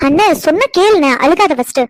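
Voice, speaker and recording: A woman's voice: extremely high pitch, lively intonation, fast, dry recording. A woman voicing a grown sister in a cartoon, who scolds and teases her brothers with affection. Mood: scolding. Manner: scolding, teasing. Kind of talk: cartoon voice acting.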